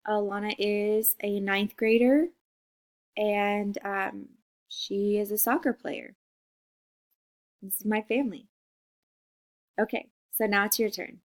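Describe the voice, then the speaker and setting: A woman in her forties from Costa Rica, a teacher talking students through a class introduction video in a friendly, chatty way. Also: medium pitch. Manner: friendly, chatty, checks in with "okay?".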